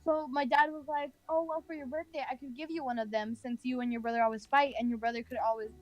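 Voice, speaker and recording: This high-voiced young woman from California talks fast with fairly even intonation. She's telling a personal story in a loose, meandering way, peppered with "like."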